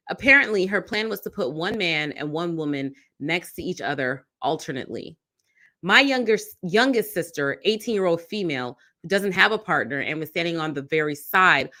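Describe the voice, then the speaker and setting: Bright-voiced woman, heated live commentary. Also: fairly low pitch. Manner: emphatic, outraged, laughs often. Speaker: live streamer reading and reacting to online posts. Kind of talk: reading a post aloud and reacting.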